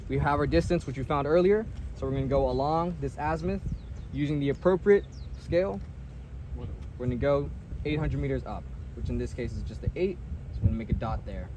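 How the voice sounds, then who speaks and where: A man's voice: medium pitch, a little fast. A man giving a step-by-step artillery map plotting demonstration, methodically narrating each step. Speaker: military demonstrator. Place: outdoors at a shaded table in a field. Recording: noisy outdoor phone recording.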